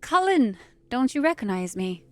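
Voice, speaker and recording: A woman's voice: on the high side, normal speed, clean tone. A young woman live-streaming a game, chatting casually and playfully, swearing now and then, close on the mic. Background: faint game music.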